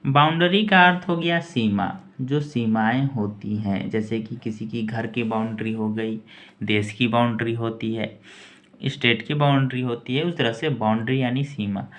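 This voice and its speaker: A man teaching English pronunciation, spelling each word letter by letter and repeating it slowly. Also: medium pitch, fairly bright tone. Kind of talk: slow pronunciation lesson.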